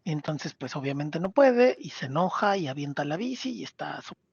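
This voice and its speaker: A man with a Mexican Spanish accent talking casually on a podcast, retelling scenes with lively acted-out quotes. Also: a little high, normal speed, gravelly, husky, no room sound, lo-fi sound. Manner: animated storyteller, acts out character quotes. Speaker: podcast co-host.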